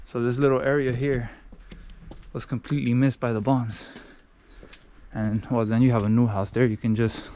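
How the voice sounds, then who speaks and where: A man's voice: medium pitch, flat delivery, moderate pace, warm tone, dull audio. A man in his thirties talking casually to his camera as he walks outdoors in the wind, as a travel vlogger. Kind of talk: casual walking travel vlog. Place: outdoors on hilly old village streets. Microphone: action camera held at arm's length. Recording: windy outdoor noise on action camera.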